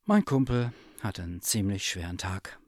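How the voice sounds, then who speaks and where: A man's voice: fairly low pitch, lively intonation, normal speed, darkish tone, dry recording, clean studio sound. A man voicing a proud, lonely wandering she-cat in a storybook reading, dignified and a bit lofty.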